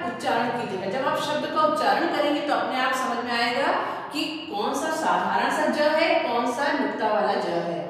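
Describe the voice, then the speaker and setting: A woman's voice: high voice, fairly bright tone. A woman teacher giving a Hindi grammar lesson to young pupils. She asks questions and then answers them herself, drawing out the sounds. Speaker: primary school teacher. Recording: echoey room heard from a distance.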